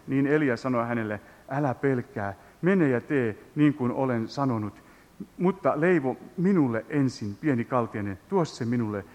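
A man preaching a Pentecostal sermon, retelling a Bible passage and then rising into loud, high-pitched exhortation. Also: in a large hall.

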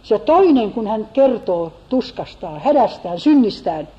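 A woman preaching a sermon in an earnest manner, swinging between forceful and hushed emphasis. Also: medium pitch, very animated. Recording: slightly dull lo-fi recording.

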